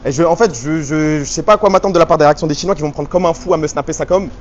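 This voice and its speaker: A man's voice: on the high side, rapid-fire, highs cut off. A man live streaming on a handheld phone rig, bantering in slang with his viewers and reading their chat messages aloud. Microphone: handheld phone rig with stabilizer.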